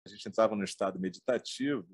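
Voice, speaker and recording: A man's voice: lowish voice, fast talker, slightly rough, no echo. A middle-aged man teaching a class, retelling a story in a colloquial, joking way and acting out the characters' lines. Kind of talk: informal lecture retelling a story.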